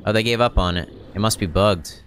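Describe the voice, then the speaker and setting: A man in his thirties with a lowish voice talks through a video game as a streamer. He gives casual tips and running commentary on a close mic, with noticeable noise and ambience behind him. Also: fairly quick, a bit bright. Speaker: game streamer and tutorial host. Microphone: close microphone on a boom arm.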